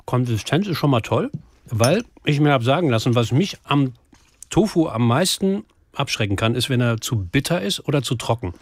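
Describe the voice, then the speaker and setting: A man's voice: medium pitch, sing-song, moderate pace, no room sound. A man hosting a radio show, talking playfully and joking while tasting food on air. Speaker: radio host. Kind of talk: casual radio conversation.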